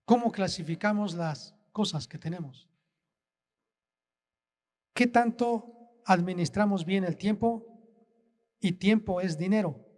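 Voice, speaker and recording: A man preaching a sermon as a pastor, asking the congregation slow, deliberate rhetorical questions. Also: sits high, darkish tone.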